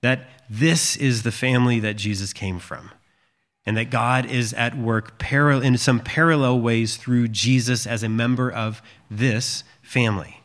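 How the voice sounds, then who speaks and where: A man's voice: mid-range voice, a bit bright. Conversational male preacher, many restarts. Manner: conversational, frequent fillers and restarts. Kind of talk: sermon.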